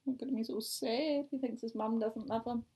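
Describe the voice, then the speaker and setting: Brisk and steady, this fairly high female voice comes through with a bit of background noise. An ESOL teacher, she reads from a picture book and kindly asks her students questions about the illustrations.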